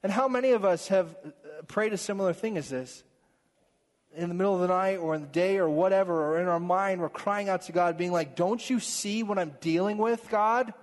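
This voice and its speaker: A man preaching a sermon as pastor, earnest, swinging between fervent passages and hushed ones. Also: sits high, brisk, in a large hall.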